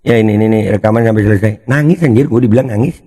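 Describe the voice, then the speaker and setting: A man's voice: lowish voice, racing, mellow, slightly rough. A man hosting a commentary channel, mocking and taunting someone he is reacting to. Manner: taunting, exclamatory, addresses opponent directly.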